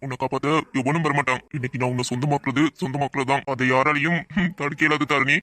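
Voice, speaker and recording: A man's voice: mid-range voice, level tone, quick pace, sharp tone, dry recording, lightly acted. A man voicing a scheming, obsessive young male doctor who is the cartoon's villain, speaking in a taunting, mocking way. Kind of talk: cartoon voice acting.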